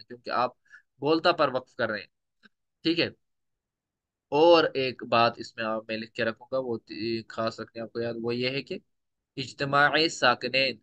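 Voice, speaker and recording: A man teaching a tajweed lesson, patiently explaining rules and repeating example words slowly. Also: mid-range voice, sharp tone. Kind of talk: lecture with recited examples.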